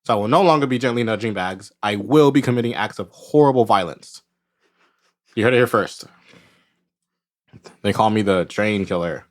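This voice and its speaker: A man with a fairly low voice chats and jokes with friends before a tabletop session. He rants in mock outrage and swears without a second thought. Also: moderate pace, long pauses. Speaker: podcast host. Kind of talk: casual banter before a tabletop game.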